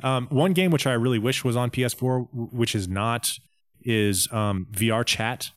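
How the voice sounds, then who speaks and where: A man co-hosting a casual gaming podcast, relaxed and rambling, with lots of "um" and "you know". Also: mid-range voice, moderate pace, no echo. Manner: relaxed, lists things, many "um"s and "you know"s. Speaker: podcast co-host.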